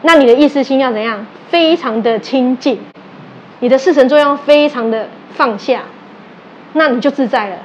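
This religious teacher preaches in a high voice at a moderate pace, using Taiwanese Mandarin laced with Hokkien. She brings her stories to life, acting out dialogue and putting questions to the audience. The sound is lo-fi, with a little hiss or hum.

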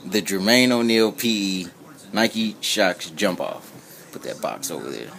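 A deep, gravelly, slightly bright voice belongs to an American man from Indiana who is very animated yet speaks at a measured pace. As an amateur sneaker reviewer in a casual vlog chat, he rambles and jokes colloquially, recorded in a room at home on an old flip phone held behind the camera.

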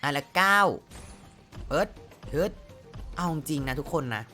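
A woman's voice: low voice, animated, moderate pace, sharp tone, faint music behind. A woman streaming a slot game, chatting playfully with her viewers and exclaiming at each spin in casual gameplay commentary.

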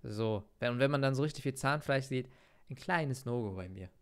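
A man's voice: medium pitch, a little fast, clear, resonant tone. A man streaming a reaction, talking casually to his chat with slang and opinionated asides.

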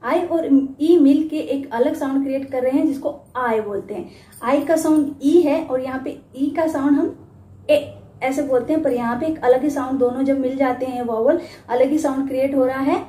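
High-voiced woman teaching phonics sounds. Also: fairly even intonation, normal speed. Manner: models letter sounds loudly, drawn out. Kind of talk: spoken teaching tutorial. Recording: echoey room.

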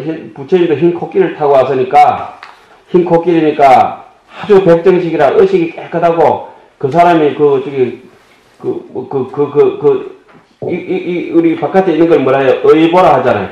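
Man w doing a temple lecture on a table mic, quizzing the crowd, dark warm voice, kinda muffled. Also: fairly high pitch. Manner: explanatory, asks the audience questions, folksy humor. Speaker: Buddhist lecturer. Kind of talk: dharma lecture to a congregation. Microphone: table microphone. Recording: dull echoey hall audio.

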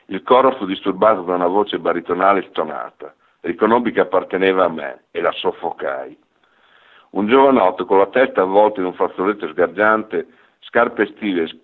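A man reading a literary story on the radio in a measured storytelling manner, over a narrow phone-like radio sound. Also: sits low. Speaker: reader.

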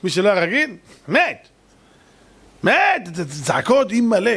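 A man with a high voice delivers a Torah lesson with dramatic storytelling. He talks emphatically, swings between hushed and forceful delivery, and acts out the characters in his tales. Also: sing-song, slightly rough. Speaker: rabbi.

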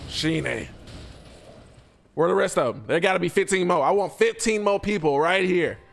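Excitable man with a high, creaky voice. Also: normal speed, a little hiss or hum. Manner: excitable, swearing, laughing often, trash-talking. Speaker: gaming streamer. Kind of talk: live gameplay commentary.

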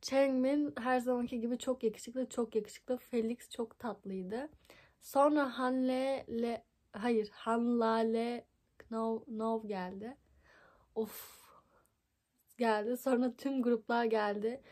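A woman's voice: on the high side, steady tone, takes it slowly, darkish tone. Amused young woman reading with a scratchy voice. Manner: amused, mocking asides, frequent laughs and stumbles. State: scratchy voice, tickly throat. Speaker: reader of a fan fiction book. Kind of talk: casual reading aloud, commenting and laughing. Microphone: phone.

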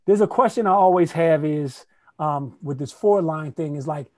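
A man's voice: on the high side, normal speed. A man teaching an online playwriting masterclass, talking casually and scatting rhythms aloud to show where lines fall. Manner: animated, scats rhythms aloud; conversational, repeats phrases for emphasis. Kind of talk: lively online workshop teaching.

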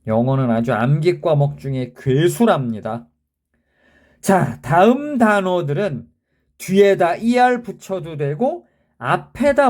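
A man's voice: a little high, a little mellow. A man teaching a grammar lesson, who spells out word endings letter by letter and keeps quizzing the viewer in an emphatic way.

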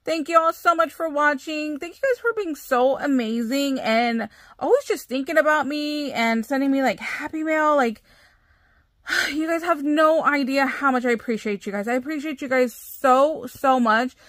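A young woman crafting vlogger, talking casually to her viewers, gushing and excitable with lots of filler words. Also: sits high, moderate pace, no room sound. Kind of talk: casual chat to camera.

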